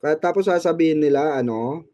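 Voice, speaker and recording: A man's voice: fairly high pitch, fairly quick, dark tone, no echo, dull audio. A man hosting a fan channel, chatting about showbiz in a gossipy, teasing way and laughing often. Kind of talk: casual showbiz commentary.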